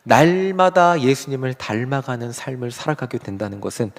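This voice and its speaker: Man, pastor preaching, lively rising and falling voice, long church reverb. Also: mid-range voice, moderate pace, gravelly. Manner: animated preaching with questions to the congregation. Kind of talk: sermon. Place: church sanctuary.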